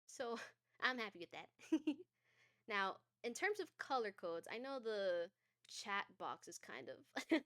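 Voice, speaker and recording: Giggly young woman streamer, bright voice. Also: sits high, no room sound, studio quality. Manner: giggly and scattered, laughs often. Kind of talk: casual live-stream chat. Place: home bedroom.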